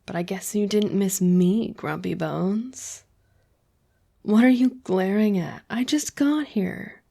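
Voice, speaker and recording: A woman's voice: medium pitch, slow, vocal fry, dark tone. A woman voicing an affectionate young adult girlfriend in an audio role-play, playful and teasing, with casual swearing.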